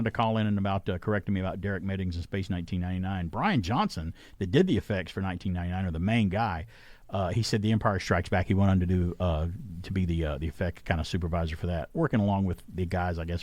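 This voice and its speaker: Low-voiced male radio host, dry sound. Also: quick pace, a little mellow, no room sound. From Atlanta area, United States. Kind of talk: casual radio chat. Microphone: close broadcast mic.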